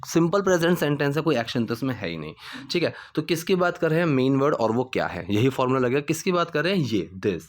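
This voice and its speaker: A young man teaching English grammar to learners, explaining slowly, repeating phrases and checking in with "ठीक है?" after each point. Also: medium pitch, very animated.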